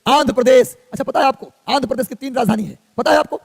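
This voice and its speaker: A man's voice: very high-pitched, vocal fry, breathy edge, big-room sound. A man teaching an exam coaching class, drilling facts by repeating them in a sing-song list. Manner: rapid, repetitive drilling, sing-song listing. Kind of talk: energetic classroom lecture.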